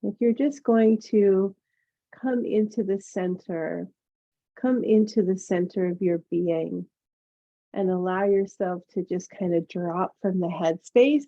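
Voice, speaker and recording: Woman yoga teacher doing guided meditation, soft soothing murmur, really unhurried, tinny phone-ish audio. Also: mid-range voice. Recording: phone-like narrow-band sound.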